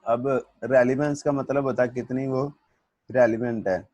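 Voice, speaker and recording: Slow, fatherly male teacher lecturing. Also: mid-range voice, steady tone, darkish tone, no room sound, highs cut off. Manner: reads English definitions slowly, then explains them in Hindi-Urdu; calls his students "beta" in a fatherly way. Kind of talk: classroom lecture.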